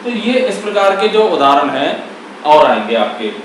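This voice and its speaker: A man's voice: a little high, big pitch swings, normal speed, a little hiss or hum. A man teaching Hindi grammar, explaining it like a lesson and asking and answering his own questions. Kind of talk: classroom-style explanation. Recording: very echoey room, voice far from mic.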